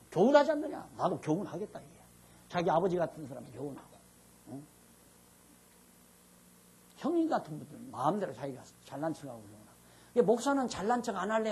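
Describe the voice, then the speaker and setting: A man's voice: on the high side, husky. An older man, a pastor, giving a chatty, self-reflective Bible lecture while seated before a class. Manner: chatty, self-reflective, sometimes mimics shouting preachers. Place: seated, speaking informally to a class.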